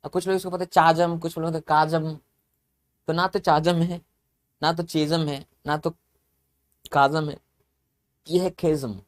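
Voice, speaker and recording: A man's voice: fairly high pitch, flat delivery, a little slow, pauses often. A man teaching English vocabulary in a lecture, explaining step by step, spelling words out letter by letter and repeating them. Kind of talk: classroom lecture.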